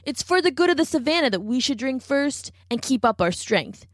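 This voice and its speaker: A woman's voice: high-pitched, big pitch swings, moderate pace, no echo, clean studio sound, pitched above the performer's own voice. A woman voicing a proud, boastful male cheetah in a storybook, spitting out scornful words.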